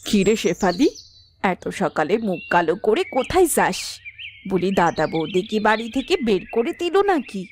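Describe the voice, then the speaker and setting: A woman's voice: mid-range voice, sing-song, moderate pace, a little hiss or hum, close to an everyday voice. A woman voicing a gossipy village neighbour in a cartoon, prying and teasing. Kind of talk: cartoon voice acting.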